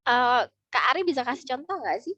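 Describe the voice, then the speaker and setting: A woman's voice: high voice, animated, a little fast, sharp tone, no echo. A woman speaker in a webinar, explaining public speaking and voice-over tips with demonstrations. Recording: dull online call audio.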